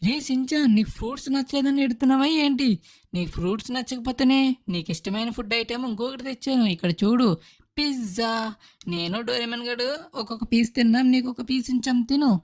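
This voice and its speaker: A woman doing a fast-talking, fussing uncle. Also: fairly high pitch, a little mellow, lightly acted. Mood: coaxing. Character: caring uncle character, cheerful and fussing. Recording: game music in background.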